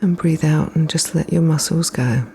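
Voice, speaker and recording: This guided meditation is led by a woman with a deep voice, speaking softly and breathily, frequently close to a whisper. She offers calm, gentle instructions with leisurely pauses, and there's slight background noise.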